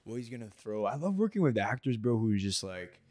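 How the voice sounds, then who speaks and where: A man's voice: lowish voice, big pitch swings, fast talker, crowd noise. A young man hosting a podcast, chatting loosely with a guest and laughing often, full of slang like "bro" and "dude". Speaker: podcast host. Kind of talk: casual chat.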